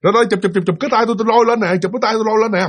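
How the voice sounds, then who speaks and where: A man's voice: high-pitched, steady tone, racing, pitched above the performer's own voice. A man doing a flustered bill collector. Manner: flustered exclaiming. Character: startled middle-aged male bill collector, flustered.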